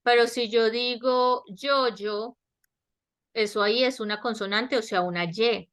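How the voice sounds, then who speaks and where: A woman teacher with a Latin American Spanish accent explains grammar in an online class, slowly and patiently. Her voice is bright and fairly high. She keeps asking whether the students follow. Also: steady tone. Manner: slow, explanatory, checks understanding with repeated questions. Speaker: English teacher. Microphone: webinar headset or laptop mic.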